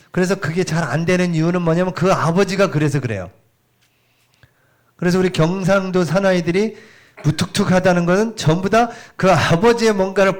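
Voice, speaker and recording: A middle-aged man preaching a sermon in a church, chatty and animated, asking the congregation questions as he goes. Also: fairly high pitch. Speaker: pastor. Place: church sanctuary.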